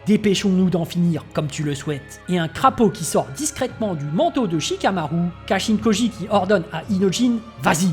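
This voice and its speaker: A woman narrating a manga chapter recap in a steady storytelling voice. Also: mid-range voice. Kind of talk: scripted narration. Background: faint music.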